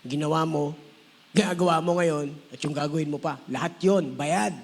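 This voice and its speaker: Animated pastor with long hall reverb. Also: male voice, a little high, moderate pace. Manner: conversational, mixes English phrases, acts out quoted voices. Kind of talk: sermon.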